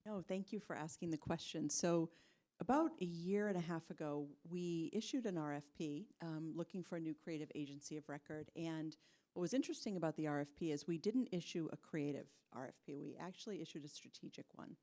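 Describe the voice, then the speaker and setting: Low, mellow-voiced woman on a panel. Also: fairly quick. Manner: chatty, with fillers and light laughs. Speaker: marketing executive on a panel. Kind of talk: conversational panel answers. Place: conference stage with audience.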